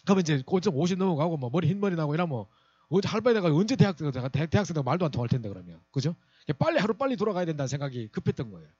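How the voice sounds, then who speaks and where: A man's voice: a little high, very animated, racing, darkish tone, slightly rough, dry recording, dull audio. A man in his forties, a pastor giving an evangelism lecture and telling a personal story, acting out the people he quotes. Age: 40s.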